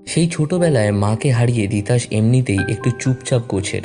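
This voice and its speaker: A man reading a story aloud in a measured, expressive narration. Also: medium pitch. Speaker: story reader. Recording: narration over background music.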